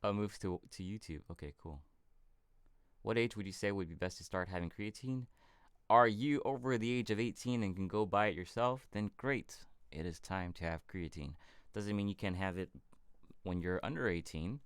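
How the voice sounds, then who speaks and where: A man from California hosting a casual fitness livestream Q&A, answering viewer questions in a relaxed, rambling way. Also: lowish voice, normal speed, smooth, dry recording, studio quality. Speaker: fitness channel host.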